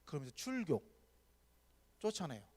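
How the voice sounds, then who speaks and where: A man preaching a sermon as a pastor, retelling the story lively and acting out the people he quotes. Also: on the high side, moderate pace. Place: church hall. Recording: long hall reverb.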